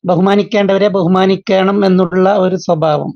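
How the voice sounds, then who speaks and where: A student with a Malayali accent answering a teacher on a video call, halting and pausing between words. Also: medium pitch, steady tone, no echo, muffled recording. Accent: Malayali English. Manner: hesitant, many pauses.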